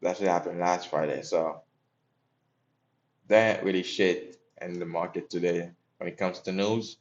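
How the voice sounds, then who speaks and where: This young Haitian day trader streams live, loosely cursing as he talks to chat and comments on his trades. His low voice holds a steady tone at an unhurried pace, and the recording sounds muffled.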